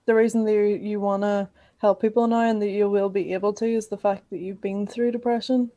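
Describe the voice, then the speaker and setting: A woman's voice: medium pitch, level tone, fairly quick, mellow, no room sound. A woman from Northern Ireland interviewing her podcast co-host in a chatty, rambling way, asking lots of questions. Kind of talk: casual chat interview.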